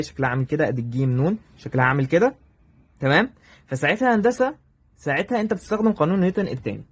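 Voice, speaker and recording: Man, Egyptian accent, math teacher, rapid delivery, keeps checking in with students. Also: on the high side, husky. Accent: Egyptian Arabic. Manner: lively, addresses students directly with check-in questions. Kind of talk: exam review lesson.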